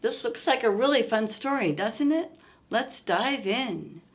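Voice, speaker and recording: A woman hosting storytime reads a picture book aloud to young children, expressive and coaxing, asking them questions along the way. Her voice is fairly high and she speaks a little slowly.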